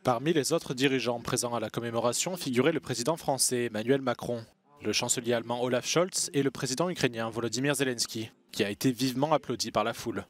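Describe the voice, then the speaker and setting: Male news anchor, measured scripted delivery, mid-range voice. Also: medium pitch. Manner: measured, even newsreader delivery.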